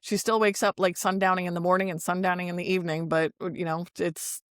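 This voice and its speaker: A woman's voice: fairly low pitch, flat delivery, quick pace, dry recording. Wisconsin woman, casual co-host, finishes sentences, dry close sound. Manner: talkative, finishes partner's sentences. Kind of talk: casual chat.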